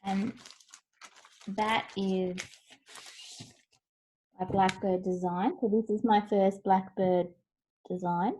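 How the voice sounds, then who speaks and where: A woman's voice: mid-range voice, fairly even intonation, takes it slowly, pauses often, dark tone, slight background noise, poor audio. A middle-aged woman chatting casually as she shows things on a video blog, recorded at home over a video call. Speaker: co-host of a craft video blog. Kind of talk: casual show-and-tell chat.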